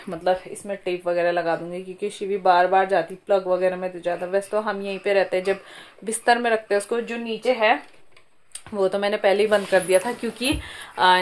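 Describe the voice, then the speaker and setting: A young woman, a mother, chatting casually to viewers in a home vlog, often adding little tag questions. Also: mid-range voice. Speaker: vlogger and mother. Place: home bedroom.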